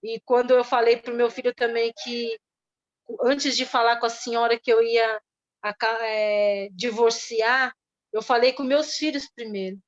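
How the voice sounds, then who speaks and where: A middle-aged woman with a Brazilian Portuguese accent tells her testimony earnestly. Her voice sits fairly high and soft, and she pauses and restarts often. The recording sounds dull and lo-fi. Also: fairly even intonation. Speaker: church member giving testimony. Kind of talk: emotional personal testimony.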